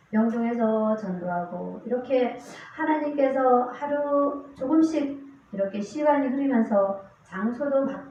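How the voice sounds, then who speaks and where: A woman's voice: mid-range voice, warm tone, a little hiss or hum. A woman deaconess giving an earnest church testimony, reading scripture and then telling stories of street evangelism. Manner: earnest, storytelling, acts out quoted voices. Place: church sanctuary. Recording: echoey distant church mic, dull lo-fi.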